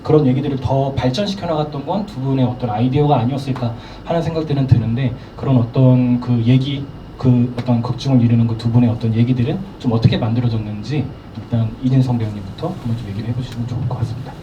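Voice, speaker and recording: Man, fast roundabout moderator, mellow tone, roomy hall, distant mic. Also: mid-range voice, lo-fi sound, a little hiss or hum. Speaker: moderator of a screening Q&A. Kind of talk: hedging, roundabout questions.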